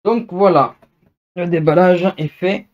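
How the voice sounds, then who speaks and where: A man hosting a casual unboxing video, chatting and thinking aloud as he goes, slowing down to read out product text. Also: sits high, steady tone, dull audio.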